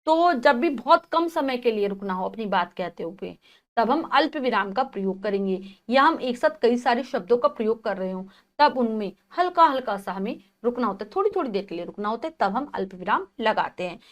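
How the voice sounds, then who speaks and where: Woman teacher, slightly high voice, patient grammar explainer, slows and stresses the examples. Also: lively intonation. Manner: reads the text, then explains it again in simpler words. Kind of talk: grammar lesson for children.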